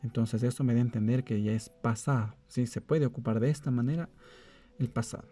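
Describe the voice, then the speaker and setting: Dark-voiced man teaching grammar. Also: mid-range voice, a little fast, faint music behind. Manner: switches between Spanish and English, checks in with frequent "¿sí?". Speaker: English teacher. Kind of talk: explaining grammar rules in a recorded lesson.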